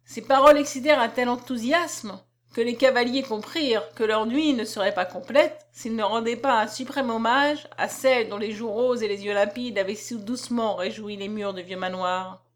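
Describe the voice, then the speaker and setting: A woman narrating a novel aloud in an expressive, dramatic reading. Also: a little high, normal speed, few pauses.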